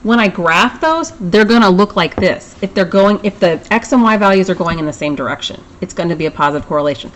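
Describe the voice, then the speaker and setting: A woman's voice: lowish voice, expressive, fast talker, hardly any pauses, low-quality recording. A woman teaching a recorded math lesson, chatty, with self-deprecating asides.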